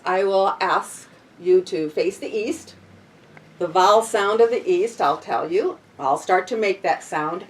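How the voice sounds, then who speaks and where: A woman guides a small group through a sound-healing exercise, chanting drawn-out vowel sounds. She intones invocations to the directions and explains the steps casually, with fillers and restarts. Her voice sits in a middle range and is picked up from some distance away from the microphone. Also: medium pitch. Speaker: workshop leader. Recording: voice from far off the mic.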